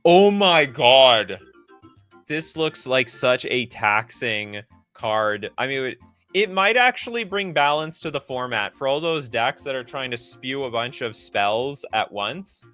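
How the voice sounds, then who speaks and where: A man streaming live, reacting loudly and sarcastically while rating cards and answering chat. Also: mid-range voice, unhurried, clean tone, faint music behind.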